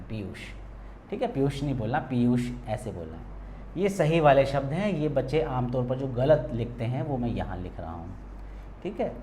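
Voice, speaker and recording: A patient man teaches a spelling lesson, saying each word slowly and pausing often to check that his students follow. His voice sits at a middle pitch, with a faint hiss of background noise. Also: a little mellow. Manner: patient, repeats words slowly and checks in with "ठीक है".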